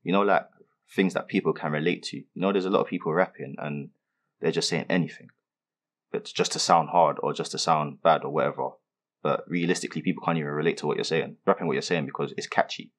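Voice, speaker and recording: A man's voice: a bass voice, steady tone, quick pace. A young man from London with a London accent, answering interview questions in laid-back street slang with lots of fillers. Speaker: rapper being interviewed.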